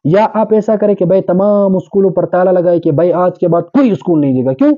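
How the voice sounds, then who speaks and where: A man's voice: high-pitched, dark tone, dull audio. A man delivering an earnest sermon, exhorting listeners and explaining with everyday examples. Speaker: Islamic preacher. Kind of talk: urdu sermon.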